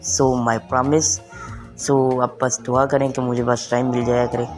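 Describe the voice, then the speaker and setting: A young adult man, a tech video presenter, talks through a casual tutorial for online viewers, working English phrases into what he says. His voice is medium-pitched, flat, and unhurried, with background music playing under it.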